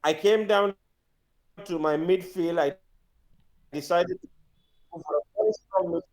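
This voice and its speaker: A man's voice: sits high, moderate pace, a little mellow. A man with a Sierra Leonean accent on a choppy, breaking-up video call, methodically walking through his fantasy football picks. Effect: choppy, breaking-up video call audio. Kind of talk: casual chat.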